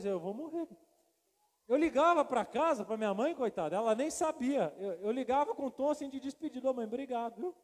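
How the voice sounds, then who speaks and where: A male pastor with a very high voice tells a funny story in his sermon. He acts out each line of dialogue with lively energy. His voice rings out with a long reverb through a large church hall. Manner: animated storyteller acting out dialogue.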